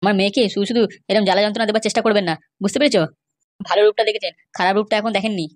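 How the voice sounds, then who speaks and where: A blustering older father in a cartoon who threatens to round people up, as a woman puts him on. The voice sits deep and is delivered fast. The recording is dry and close. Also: steady tone, dry recording, close to an everyday voice. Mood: angry. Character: angry older man, a bride's threatening father.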